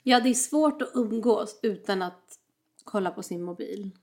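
A woman's voice: medium pitch, expressive. A young woman in casual chat, talkative, mixing English phrases into her talk and acting out what others said. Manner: chatty, mixes English phrases, acts out quoted exchanges.

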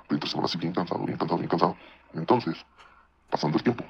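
A man with a Mexican accent telling a personal story in casual podcast chat, speaking rapidly and conversationally. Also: deep voice, gravelly, breathy edge, lo-fi sound. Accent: Mexican Spanish. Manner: rapid, conversational, slips into voices for quoted people.

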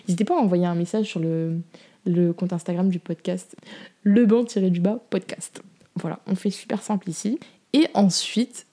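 A woman's voice: lowish voice, warm tone. A young woman hosting a podcast, chatting casually and candidly in slangy, informal speech as she shares personal advice. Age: young adult. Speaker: podcast host.

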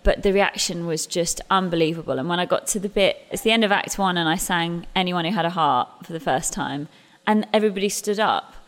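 Speaking a little fast in a lower-pitched voice, an English stage actress in her thirties who works in musical theatre chats through an interview about her career. She is self-deprecating, with frequent restarts and laughter, and she's recorded in a large hall.

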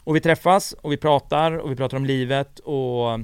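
A man's voice: mid-range voice, steady tone, clean tone, no room sound, studio quality. A man, chatting casually and telling a personal story full of fillers and quoted dialogue. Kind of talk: casual chat.

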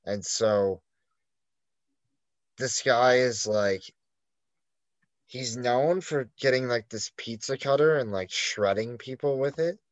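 A man's voice: mid-range voice, slow, long pauses, dry recording. A man telling a story in loose podcast chat, his mid-range voice sitting close and dry on the mic. He leans hard on "like" fillers and drops curses freely as he goes. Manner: rambling storyteller, heavy "like" fillers and swearing. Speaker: podcast co-host.

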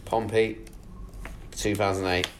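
A man with a fairly low voice runs a football quiz on a casual podcast. He keeps score and teases the players, swearing now and then. There is a faint hiss behind him. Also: level tone, takes it slowly. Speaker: podcast host running the quiz. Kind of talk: casual pub quiz banter.

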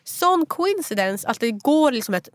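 A young woman from Sweden co-hosts a casual podcast. She tells stories in a lively, animated way. Her voice is a little high and sounds dry and close to the mic. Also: no echo. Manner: lively storyteller, animated retelling. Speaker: podcast co-host. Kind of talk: casual chat.

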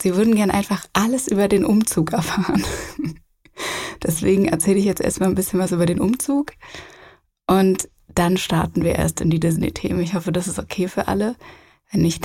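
A woman's voice: on the low side, a little mellow. A young woman from hosting a podcast, chatting casually with many laughs and side tracks. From Germany. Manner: chatty, rambling, laughs often. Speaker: podcast host. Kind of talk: casual chat.

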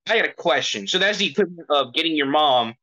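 A man's voice: on the high side, animated, fast, bright, forceful tone. A man playing a tabletop game, chatting casually and cutting in with flippant remarks. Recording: dull lo-fi sound.

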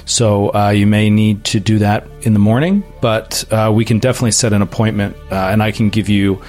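A man voicing a halting small-town policewoman. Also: fairly low pitch, fairly even intonation, a little mellow, faint music behind, close to an everyday voice. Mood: accommodating. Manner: halting, many ums and restarts. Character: small-town woman police officer, patient. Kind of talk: tabletop role-play.

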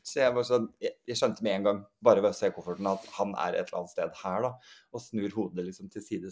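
A man's voice: medium pitch, a little mellow. A young man co-hosting a podcast, telling a story in casual chat and acting out the quoted lines with animation. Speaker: podcast co-host.

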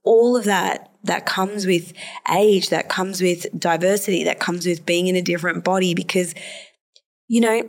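In a solo episode of her podcast, a woman psychologist explains a topic in a lowish voice. A sore throat leaves her sounding a bit hoarse and nasal.

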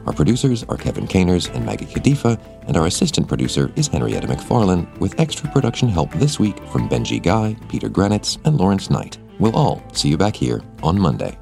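A man's voice: low-pitched, very animated, brisk, creaky, few pauses. A man presenting a podcast, reading out the closing credits over music. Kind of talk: scripted credits read. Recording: music bed under voice.

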